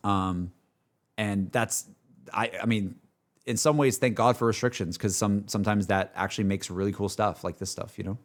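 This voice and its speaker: This streamer's voice is on the low side, with fairly even intonation and normal speed. Reacting to game music, he rambles casually, dropping "like" and "dude" constantly as though chatting with friends.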